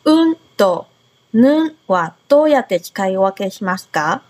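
A woman's voice: mid-range voice, very animated, unhurried. A woman from Taiwan co-hosting a radio language lesson, asking questions and repeating phrases after her partner. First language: Mandarin Chinese. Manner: bright, asks questions, repeats after co-host. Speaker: Chinese language teacher, co-host.

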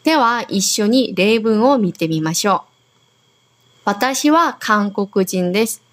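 A woman's voice: medium pitch, animated, slow pace. A Korean woman hosting a radio language lesson, patiently explaining grammar and modelling words to repeat. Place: Okinawa.

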